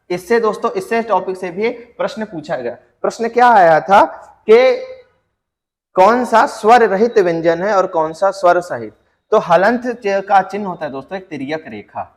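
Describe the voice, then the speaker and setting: A male teacher giving an exam-prep grammar lecture, asking his students questions and answering them himself, and drawing out example words slowly to show stress. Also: high voice, expressive, big-room sound. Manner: addresses students as friends, asks and answers own questions.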